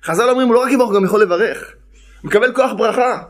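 A male preacher delivers a religious sermon built on parables. His voice is very high. He repeats phrases for emphasis and imitates sounds as he speaks. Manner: repetitive, emphatic, uses sound effects.

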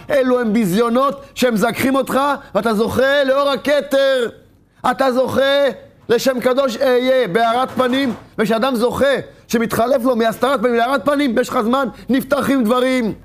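A man giving a Torah lesson, animated, asking rhetorical questions and at times raising his voice. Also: very high voice. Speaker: religious teacher.

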